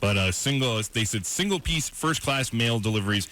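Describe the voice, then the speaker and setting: In a radio studio, an American man co-hosting a morning show runs through the news informally, paraphrasing as he reads and trading banter with his co-host. His mid-range voice is expressive and sharp-toned, delivered at normal speed.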